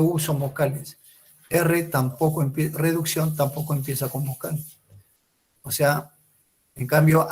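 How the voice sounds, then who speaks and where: A man's voice: a little high, a little mellow. A man teaching a chemistry class, asking questions and answering them himself, repeating key words for emphasis. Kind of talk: recorded class lecture.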